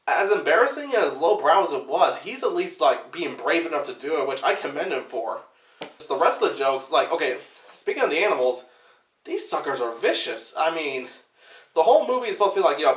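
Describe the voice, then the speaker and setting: A man's voice: fairly high pitch, a bit bright, distant mic. A young man giving rambling, unscripted movie-review commentary, filling his talk with "like". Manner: rambling, says "like" constantly. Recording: roomy sound from off-mic.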